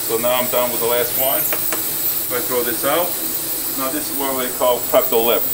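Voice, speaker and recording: A man's voice: medium pitch, steady tone, normal speed. A man who operates a film coating machine, walking through each step in a matter-of-fact, instructive way. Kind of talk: explaining his work step by step. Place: large film coating room. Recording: distant mic in noisy factory.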